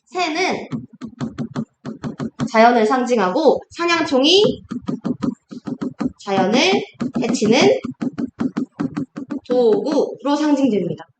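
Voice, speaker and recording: Woman cram-school tutor, animated lecture, acts out dialogue, roomy classroom sound with faint noise. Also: on the high side, takes it slowly, long pauses. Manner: lively, acts out characters' lines in quotes, asks students questions. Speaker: Korean literature tutor.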